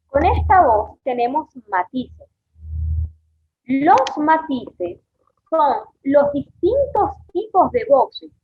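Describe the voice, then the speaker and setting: A woman teaches a storytelling class, speaking slowly and clearly in a fairly high voice. She keeps checking in with her students. The sound is tinny and narrow, like a video call over a phone line. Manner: slow, clear, encouraging, checks in with "ok?". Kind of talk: online class lecture.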